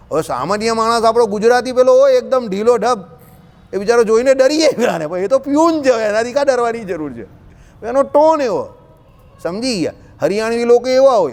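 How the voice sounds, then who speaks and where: A man giving a religious scripture discourse in a conversational way, mixing in folksy anecdotes and checking in with his listeners often. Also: high voice. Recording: long hall reverb.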